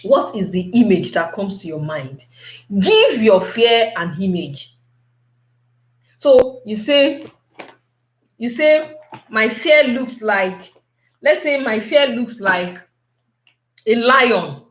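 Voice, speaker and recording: A woman giving a motivational talk, slow and repetitive, asking her listeners many questions. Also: on the high side, sing-song, reverberant, a little hiss or hum.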